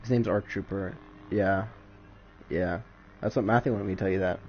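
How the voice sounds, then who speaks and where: A man giving casual gameplay commentary, excitable and giggly, often exclaiming at the screen. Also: low-pitched, moderate pace, a little hiss or hum. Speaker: gamer streaming gameplay. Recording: dull lo-fi mic with game music.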